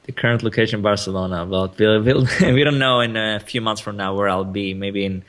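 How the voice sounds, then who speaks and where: A man's voice: on the low side, a little fast, fairly bright tone. A man in his thirties from Sweden, a guest on a video call interview, talking casually with lots of fillers and restarts. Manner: chatty, many fillers and restarts, laughs often.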